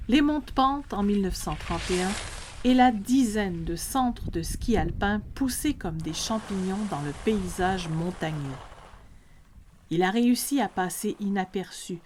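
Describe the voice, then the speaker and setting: A woman's voice: mid-range voice, darkish tone, a little hiss or hum. A woman reading a scripted story as a podcast narrator.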